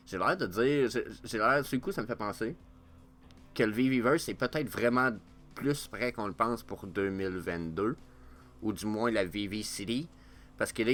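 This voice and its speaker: Casting: lowish-voiced Quebec French guy, excitable vlogger, cusses and stumbles through fillers. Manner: excitable, swears freely, many fillers. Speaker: NFT market vlogger. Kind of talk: casual market commentary.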